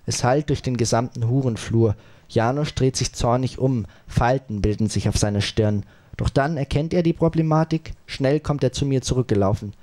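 A man reads a first-person audiobook aloud in a calm, measured way. His voice sits in an ordinary middle pitch. He moves through the story in short phrases with small pauses between them. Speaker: audiobook narrator.

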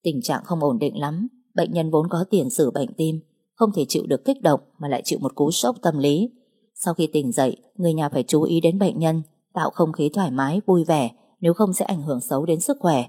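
A woman voicing a matter-of-fact hospital doctor giving brisk, clinical instructions in an audiobook. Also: low-pitched, warm tone, breathy edge.

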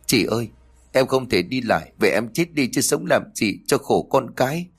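A man's voice: mid-range voice, expressive, moderate pace, slightly rough. A man voicing a frail elderly mother in a spoken story, speaking weakly and sorrowfully. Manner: weak, sorrowful.

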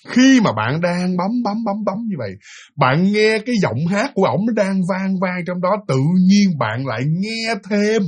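A man's voice: high-pitched, husky. A young man telling a ghost story in a chatty way, often repeating and stumbling over words. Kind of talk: casual ghost story narration.

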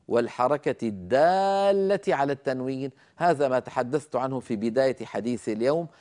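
A man teaching Quran recitation rules in a recorded lecture, explaining slowly and deliberately, repeating key points and pausing on drawn-out fillers. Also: mid-range voice, darkish tone.

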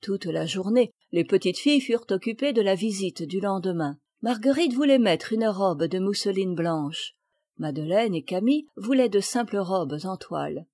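A woman narrating a children's story in a clear, measured reading. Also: mid-range voice, expressive, dark tone, dry recording, clean studio sound. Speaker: audiobook reader.

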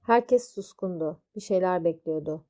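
A woman reading a children's story aloud, slow and deliberate. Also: on the low side, mellow.

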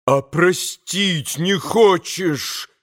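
A man's voice: on the high side, takes it slowly, fairly bright tone. Impassioned young man, anguished and reproachful, read by a man. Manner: anguished, exclaiming.

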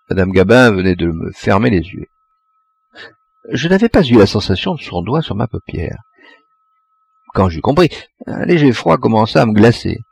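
Low, gravelly male reader, husky tone, lively intonation, audiobook narration. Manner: measured, expressive reading.

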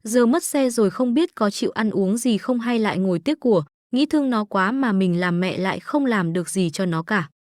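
A woman's voice: mid-range voice, animated, normal speed, few pauses, a little mellow, dry recording, studio quality, lightly acted. Woman reading as a weary country mother. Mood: sorrowful. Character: weary, loving middle-aged rural mother.

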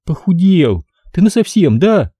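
A man's voice: high-pitched, sing-song, unhurried, mellow, slightly rough, no echo, clean studio sound, voice pushed up, full character voice. A man reading an audiobook, voicing a grieving mother who sobs and speaks in a trembling voice. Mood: tearful. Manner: sobbing, trembling speech. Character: tearful grieving older mother.

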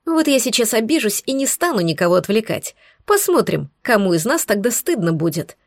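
A woman's voice: fairly high pitch, sing-song, brisk, no room sound, studio quality. A woman voicing a proud, snappy female cat familiar in an audiobook. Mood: grumbling. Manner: snappish, indignant.

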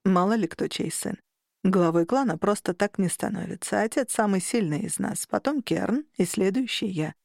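A woman reading as a calm, possessive young vampire man. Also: moderate pace, vocal fry, no room sound, clean studio sound. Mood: matter-of-fact. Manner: calm, low-key, confident. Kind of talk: audiobook character reading.

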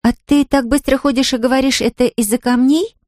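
A thoughtful little girl in a storybook reading, played by a woman, pitched above the reader's plain voice. She speaks in a measured, musing way. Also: steady tone, a little mellow, no echo, clean studio sound, natural voice. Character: thoughtful young girl, child.

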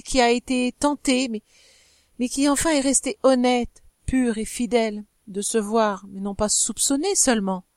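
A woman's voice: dry recording, studio quality, natural voice. A woman doing a young wife pleading earnestly. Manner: pleading, earnest, higher and animated.

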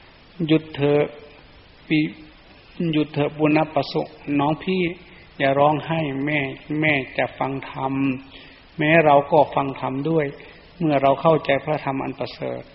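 A man's voice: fairly high pitch, flat delivery, unhurried, vocal fry. A man doing a kind elder ghost daughter. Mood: coaxing. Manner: soft coaxing. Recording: echoey dull lo-fi recording.

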